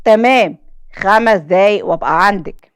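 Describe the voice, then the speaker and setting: A woman's voice: mid-range voice, moderate pace, smooth, no room sound, close to an everyday voice. A woman narrator puts on a short-tempered young fiancé with an Egyptian accent who talks in clipped, irritated bursts. He sounds busy and impatient in this spoken story. The recording is dry and close. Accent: Egyptian Arabic.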